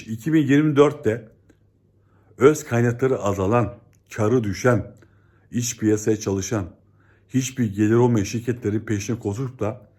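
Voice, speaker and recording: A man giving a scolding, exasperated monologue as a stock market commentator, swinging between loud outbursts and low, stern warnings. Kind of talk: ranting video monologue.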